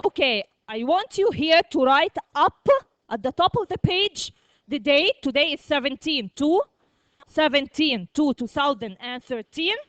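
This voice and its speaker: A woman with a high, expressive, fairly bright voice teaches a primary school vocabulary lesson, repeating words slowly and drilling the class. She checks with "okay?" after each point. The audio is dull with no echo.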